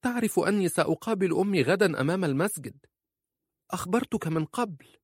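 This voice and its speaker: A man voicing an anxious young wife who pleads and holds back tears, in a high voice. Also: animated, a little fast, husky, no room sound, studio quality. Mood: pleading.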